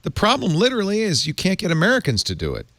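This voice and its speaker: A man hosting a casual tech panel chat, animated and quick to laugh. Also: high-pitched, no room sound. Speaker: podcast host.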